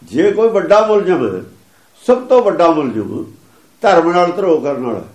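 Man, high voice, preaching, emphatic, repeats scripture lines, roomy echo. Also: big pitch swings, normal speed, darkish tone. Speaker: religious preacher. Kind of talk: sermon explaining scripture.

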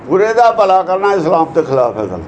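A man's voice: sits high, big pitch swings, fairly quick, lo-fi sound, background noise. A man giving a religious discourse that explains verses, lecturing earnestly and asking many rhetorical questions. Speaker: preacher.

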